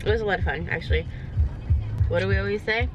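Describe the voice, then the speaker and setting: A woman's voice: medium pitch, fast talker, over music, low-quality recording. A woman in her twenties chatting casually as a prank caller and vlog host, recorded inside a car. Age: 20s. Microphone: camera at arm's length. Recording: clear background noise, car ambience.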